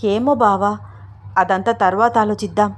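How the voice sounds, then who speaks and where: A woman's voice: medium pitch, steady tone, moderate pace, lightly acted. A woman voicing an anxious young woman in a storybook reading, urging her companion to leave.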